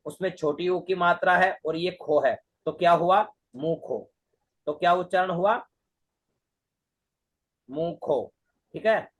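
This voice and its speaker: A man's voice: high-pitched, breathy edge. An Indian man teaching Vedic mantra recitation, patiently repeating syllables and drilling the chant line by line.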